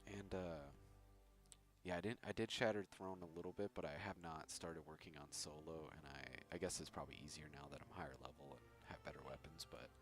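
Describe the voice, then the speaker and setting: A man's voice: a bass voice, fairly even intonation, a little fast. A man giving a casual, rambling and hesitant commentary on his gaming progress, recorded on a cheap microphone. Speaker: gaming video creator. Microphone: cheap temporary microphone. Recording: cheap poor microphone, loud music behind. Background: loud music.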